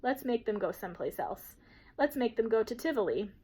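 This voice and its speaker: A woman's voice: a little high, lively intonation, a little fast, mellow, husky. A woman voicing a kind, sensible young girl in a storybook reading, in a reasonable, coaxing way. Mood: matter-of-fact.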